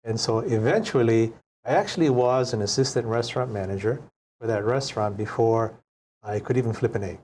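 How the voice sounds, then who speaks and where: A man in his sixties from Hawaii, a chef guest telling stories in an unhurried, reflective way in a studio interview. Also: medium pitch, a little mellow, slight background noise. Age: 60s. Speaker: chef and restaurant owner guest. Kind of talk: casual interview storytelling.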